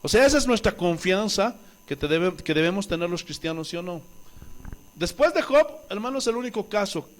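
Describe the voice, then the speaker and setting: A male pastor from Bolivia preaching a sermon, impassioned and swinging from loud exclamations to quiet asides, acting out quoted voices. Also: high-pitched. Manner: acts out quoted voices with wailing and pleading tones.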